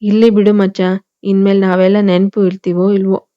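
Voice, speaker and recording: A woman's voice: mid-range voice, little pitch movement, fairly quick, smooth, highs cut off, natural voice. A woman voicing a teasing young male best friend in a storybook reading.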